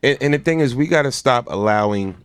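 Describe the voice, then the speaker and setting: A man's voice: medium pitch, expressive, fairly quick, clean tone, dry recording, clean studio sound. A man hosting a morning radio show in a casual, slangy way, repeating phrases for emphasis.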